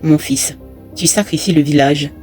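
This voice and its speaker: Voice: medium pitch, fairly even intonation, moderate pace, darkish tone, faint music behind, natural voice. A narrator voicing a desperate grieving old father. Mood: broken, begging. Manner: pleading, crying out.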